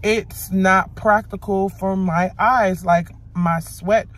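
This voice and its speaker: In a slow, mid-range voice, a young woman vlogs casually from her car. The chat rambles, stays blunt and animated, and is packed with swearing.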